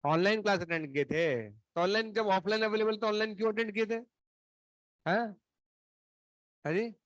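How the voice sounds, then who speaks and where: Feverish and with a sore throat, a male coaching teacher scolds his students at a moderate pace in a high, slightly bright voice. He's stern and sarcastic, questioning them one after another, and there's no echo on the recording.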